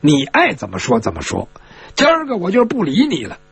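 A man's voice: sits high, wildly swooping pitch, a little fast, vocal fry, breathy edge, dry recording, voice pushed down, exaggerated voice. A man voicing the inner thoughts of a proud, dignified male leader of heroes, restrained and indignant. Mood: dismissive.

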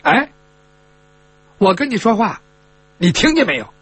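A man as a cocky young swordsman in a storytelling show, sneering, husky voice, swooping high tone. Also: very animated, unhurried, fairly bright tone, exaggerated voice. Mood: needling. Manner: taunting, needling, sneering. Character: arrogant spoiled young male swordsman.

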